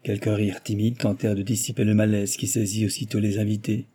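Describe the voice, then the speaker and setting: A man narrating a novel as an audiobook reader, with steady, even storytelling. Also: fairly low pitch, fairly quick, husky.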